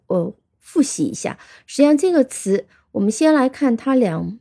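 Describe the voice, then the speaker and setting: A woman's voice: medium pitch, gravelly, dark tone. A woman teaching English vocabulary, patiently explaining and spelling words out letter by letter, with frequent fillers. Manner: frequent fillers, switches between Chinese and English. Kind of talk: spoken vocabulary lesson.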